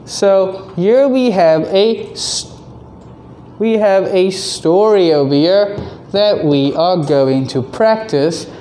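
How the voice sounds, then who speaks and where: A teacher giving a reading lesson to young children, sounding out words and short sentences very deliberately for them to repeat. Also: medium pitch, dark tone, slight background noise.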